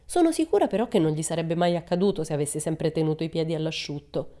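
A woman's voice: low-pitched, fast, warm tone, close to an everyday voice. A woman voicing a cheeky, boastful little girl in a storybook reading, bold and chirpy. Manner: bold, chirpy, matter-of-fact.

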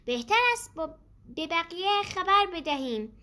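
A woman's voice: extremely high pitch, animated, pushed and bright, pitched above the performer's own voice, exaggerated voice. A woman voicing a cheerful, friendly little rabbit in a children's story. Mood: eager.

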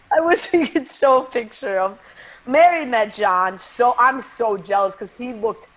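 A woman's voice: fairly high pitch, lively intonation, takes it slowly, fairly bright tone, a little hiss or hum, rough recording. Young woman, podcast co-host, casual chat, many fillers, laughs a lot. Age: 20s. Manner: chatty, laughing, filler-heavy.

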